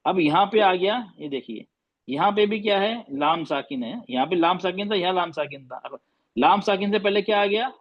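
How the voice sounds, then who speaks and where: A man's voice: sits high, expressive, normal speed, dull audio. A man teaching a class, patient, asking questions and repeating his points, mixing in English terms. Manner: mixes Hindi with English terms. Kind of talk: classroom lesson.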